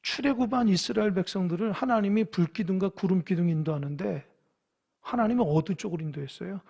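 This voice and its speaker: At a midweek service in the church sanctuary, a pastor with a high, creaky, slightly mellow voice preaches fast. He keeps things conversational, quizzing the congregation and acting out biblical figures.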